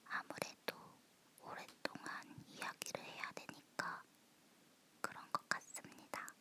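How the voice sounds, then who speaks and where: A woman chatting in a soft, close ASMR whisper, as if leaning in to the listener. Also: measured pace. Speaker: ASMR host. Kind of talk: whispered ASMR personal chat.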